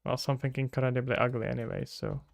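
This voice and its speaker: A man from the Czech Republic with a Czech accent streams game development, thinking aloud and casually answering chat questions as he works. His mid-range voice is level and creaky, he talks fast, and there's no echo.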